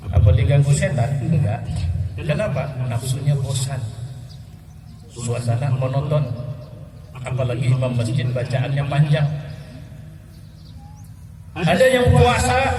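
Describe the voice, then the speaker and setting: A male preacher delivering an Eid sermon at an outdoor field prayer, swinging between low asides and shouted climaxes, asking questions and answering them himself. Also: very noisy. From Indonesia. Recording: echoey loudspeaker sound from far off.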